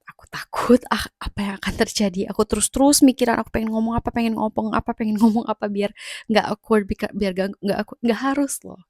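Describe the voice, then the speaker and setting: A woman's voice: medium pitch, a little mellow, no echo, clean studio sound. A young woman giving casual, emphatic advice in a vlog, repeating key phrases. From Indonesia. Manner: repetitive, emphatic, conversational.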